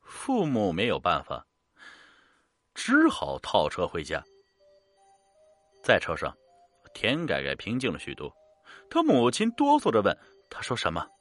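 Low guy reading a creepy story, voice swings up and down a lot, soft music underneath. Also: huge pitch swings. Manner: measured, dramatic, slows for suspense. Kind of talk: scripted narration of a horror story.

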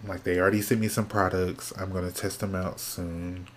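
A man hosting his own podcast alone, chatting casually and sassily from topic to topic, sounding sleepy and yawning, often trailing off into quiet mumbles. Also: sits low, level tone, moderate pace, a little hiss or hum. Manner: chatty, sassy, drifting between topics. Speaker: podcast host. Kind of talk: casual solo podcast chat.

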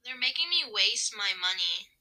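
A woman chatting over a voice call while gaming, reacting excitably and narrating what happens in her game. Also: on the high side, moderate pace, poor audio. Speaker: guest friend. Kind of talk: casual chat while gaming.

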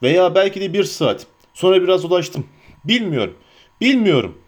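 A man voicing a troubled warrior who speaks slowly and hesitantly, weighed down by guilt. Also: sits high, very animated. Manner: slow, hesitant.

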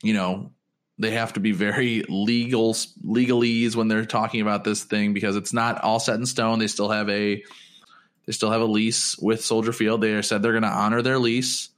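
A man's voice: fairly low pitch, little pitch movement, moderate pace. A man co-hosting a sports podcast, talking casually and rambling through news with frequent restarts. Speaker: podcast co-host.

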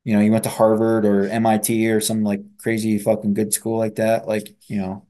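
A man's voice: lowish voice, monotone, a little fast, mellow. A young man co-hosting a podcast, rambling casually with lots of fillers and swearing. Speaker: podcast co-host. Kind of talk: casual chat.

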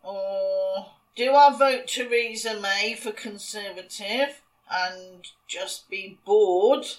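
A woman's voice: medium pitch, slow pace, low-quality recording. A middle-aged or older British woman co-hosting a comic podcast in casual chat, with dry, cheeky asides. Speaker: podcast co-host.

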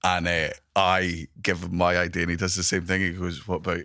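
A man's voice: low voice, completely flat delivery, a little fast, bright, forceful tone, dry recording, studio quality. A man telling a story in casual, sweary banter as a podcast co-host. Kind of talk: casual chat.

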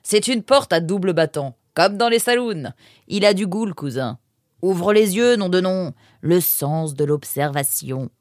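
Un renard mâle de livre audio, grande gueule et autoritaire, joué par une femme. Il lance ses répliques fort, avec une moquerie constante et une voix grave. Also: female voice, fairly low pitch, animated, a little slow, no echo, clean studio sound. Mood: bossy. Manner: loud, blunt, mocking. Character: male fox, brash, tactless, bossy.

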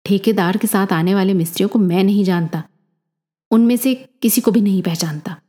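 A woman's voice: mid-range voice, fairly quick, warm tone, long reverb tail, natural voice. A woman voicing a curt, dismissive male engineer who denies knowing someone. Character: cold evasive older male engineer.

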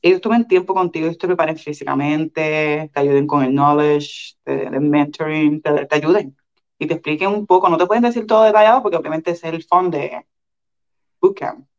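A woman guest in a casual interview who tells her story in an animated way, often restarting and repeating words. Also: low voice, a little fast. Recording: dull lo-fi sound.

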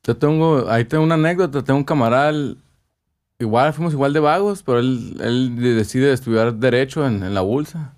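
Hombre sinaloense contando anécdotas con jerga. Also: male voice, mid-range voice, a little fast. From northwestern Mexico. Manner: slangy, animated storytelling with acted-out quotes. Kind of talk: casual storytelling chat.

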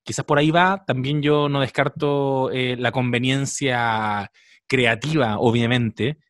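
Man, Chilean accent, podcast co-host, casual analytical chat, dry close sound, mid-pitched. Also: steady tone, measured pace, fairly bright tone, no room sound. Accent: Chilean Spanish. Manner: chatty, analytical, with thinking fillers.

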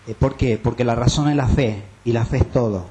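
A man's voice: mid-range voice, brisk, mellow. A man preaching a sermon, emphatic and quizzing his listeners with rhetorical questions.

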